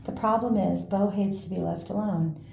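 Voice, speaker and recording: An older woman with a gravelly grandma voice reading a children's picture book aloud, slowly and expressively with pauses for little asides. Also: medium pitch, a little mellow. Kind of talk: read-aloud children's storytelling. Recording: roomy echo, faint background noise.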